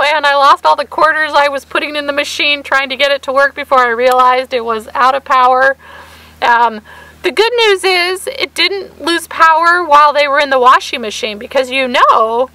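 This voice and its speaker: A woman with a high, crackly voice co-hosts a vlog. She sounds bright but hoarse, and she chats in a casual, animated storytelling way. The recording is dry and close, with little room sound. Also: no echo. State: hoarse for weeks. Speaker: vlog co-host. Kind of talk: casual chat to camera.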